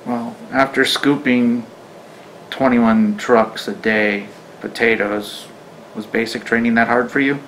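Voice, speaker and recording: A man asking measured questions as an oral-history interviewer. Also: mid-range voice, fairly even intonation, a bit bright, a little hiss or hum, poor audio.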